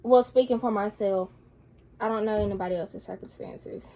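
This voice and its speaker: A woman's voice: medium pitch, normal speed, dark tone, slight background noise. A teenage girl talking casually in a vlog as an expecting mother, giggly and teasing. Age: teens. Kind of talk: casual chat.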